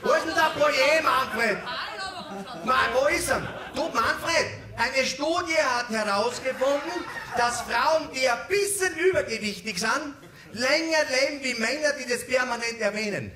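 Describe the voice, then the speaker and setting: A man's voice: extremely high pitch, lively intonation, unhurried, a loud crowd. A man telling jokes in a carnival stand-up routine, acting out the people in his jokes. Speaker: carnival comedian. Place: carnival hall stage. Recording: echoey hall, live audience and music. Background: audience laughter and music.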